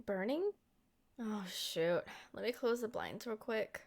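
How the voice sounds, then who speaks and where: In this ASMR roleplay, a gravelly, exaggerated voice of medium pitch plays the centuries-old vampire girlfriend who still looks young. She speaks slowly, sounding apologetic and concerned while remaining sweet, affectionate and expressive toward the listener.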